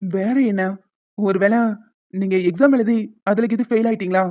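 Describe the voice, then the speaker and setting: A woman voicing a gentle, teasing young man in a cartoon, coaxing and joking as he talks. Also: mid-range voice, fairly even intonation, moderate pace, muffled recording, lightly acted. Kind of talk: cartoon voice acting.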